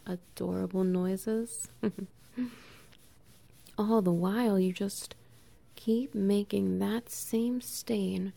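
Slow, husky whispering woman. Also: mid-range voice. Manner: soft, teasing, slow whispering with quiet laughs. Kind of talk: whispered intimate audio roleplay.

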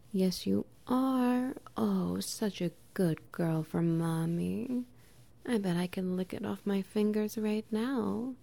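Soft, teasing whispers come from a young adult woman in an intimate audio roleplay, with little laughs between phrases. Her voice sits in the mid range and has vocal fry.

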